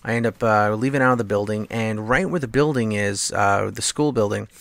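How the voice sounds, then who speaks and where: A man's voice: lowish voice, brisk, vocal fry, fairly bright tone, dry recording. A young man casually telling a long personal story over gameplay, rambling with lots of fillers. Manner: rambling, filler-heavy, acts out quoted voices. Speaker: gameplay commentator.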